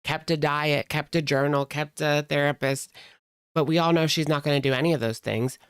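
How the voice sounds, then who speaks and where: A reaction channel host delivers casual, sassy, slangy commentary in a gravelly, fry-heavy voice that sits low with a steady tone at normal speed. The sound is dry and close, with almost no room and no echo.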